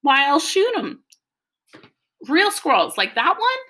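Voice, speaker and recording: A woman's voice: high voice, huge pitch swings, slow pace, bright, forceful tone, pitched above the performer's own voice, heavily acted. A woman doing an eager drawling country boy. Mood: boastful, chatty. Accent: rural Southern US. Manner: eager, drawling, talks nonstop. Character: chatty friendly country boy from Arkansas. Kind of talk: audiobook character voice.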